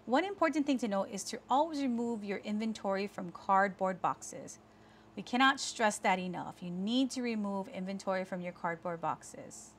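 A woman, presenting kitchen storage products to camera in a clear, instructive way from a small indoor studio set. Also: on the high side, a bit bright. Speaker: sales rep presenting products. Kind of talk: scripted product explainer.

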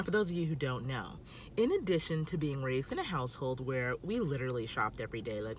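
This food vlogger, a woman in her thirties, has a low, sharp voice with a little hiss or hum. She sits in a parked car giving casual tips to camera, emphatic and gesturing with her hands, filmed on a phone held at arm's length.

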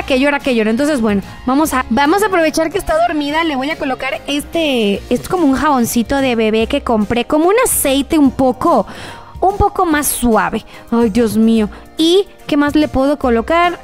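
A woman hosting gameplay commentary, playing a frazzled mother in a theatrical, exclamatory way and talking straight to her viewers. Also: high-pitched. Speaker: gaming channel host.

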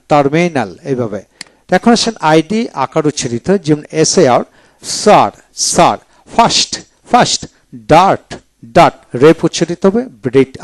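A man teaching English pronunciation in a video lecture, spelling letters out and repeating each word slowly. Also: a little high, no room sound. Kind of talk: video lecture, drilling words aloud.

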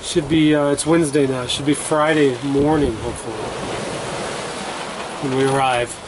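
A man in his fifties vlogging alone from his sailboat at sea, talking in a relaxed, rambling way and often correcting himself. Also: mid-range voice, moderate pace. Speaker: solo sailor vlogging. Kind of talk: casual video diary. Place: outdoors on a sailboat cockpit at sea. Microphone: handheld camera at arm's length. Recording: windy outdoor camera audio with sea noise. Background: wind and water noise.

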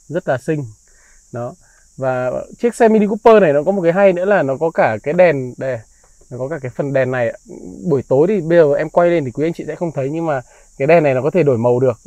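A man presents a used car in a slick salesman's patter. His voice sits a little high and is recorded dry and close. He stays polite and reassuring, full of praise for what he is selling. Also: dark tone, no room sound. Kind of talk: car walkaround sales pitch. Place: outdoors beside and inside a parked car.

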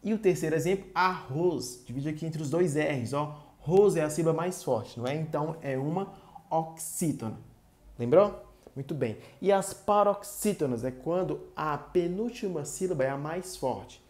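A woman with a Brazilian Portuguese accent teaching a short, didactic online grammar lesson and slowly drawing out the syllables of example words. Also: low voice, expressive, a little mellow.

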